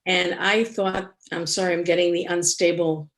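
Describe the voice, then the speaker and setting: A woman chairing an online public meeting, talking haltingly and apologizing while her video call connection keeps cutting out. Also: fairly low pitch, flat delivery. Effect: unstable video call connection cutting out.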